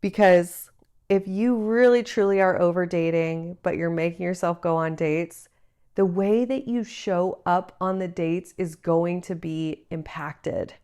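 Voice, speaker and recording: A slightly congested podcast host, a woman in her thirties, gives earnest and encouraging advice on her solo show. She's recording on a travel microphone, not her usual one, and her voice is fairly low, a little slow and a little mellow, with a clean tone.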